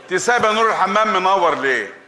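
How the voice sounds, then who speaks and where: Flustered Egyptian dad. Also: male voice, sits high, rapid-fire, a faint crowd. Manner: lively, flustered, pleading. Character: simple retired Egyptian father, flustered husband. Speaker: stage actor. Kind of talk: live comedic stage acting. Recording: roomy live stage sound.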